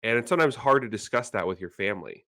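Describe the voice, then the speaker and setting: A man's voice: fairly low pitch, lively intonation, quick pace, a bit bright. A man hosting a financial planning podcast in casual chat, easygoing with self-deprecating humor.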